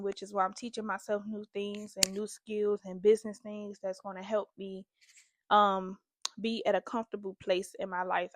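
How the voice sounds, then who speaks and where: A young woman hosting a candid, confessional vlog, talking earnestly and emotionally straight to her viewers. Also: mid-range voice. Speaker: host.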